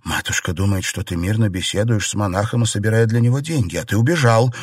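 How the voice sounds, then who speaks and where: A man voicing a frantic, tearful young woman servant who pleads and scolds in a shrill voice. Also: quick pace, husky, dry recording, studio quality, distant mic. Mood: alarmed.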